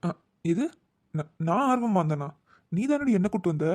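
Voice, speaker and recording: A man's voice: sits high, sing-song, measured pace, darkish tone, dry recording, studio quality. A man voicing a flustered young brother in a cartoon, bickering with his sister and muttering panicky asides. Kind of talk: cartoon voice acting.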